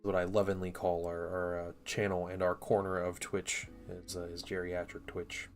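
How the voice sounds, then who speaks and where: A man in his thirties paints miniatures on a live stream, chatting casually and rambling a little as he reads viewer comments aloud. His voice is deep and monotone at a moderate pace, with soft music in the background.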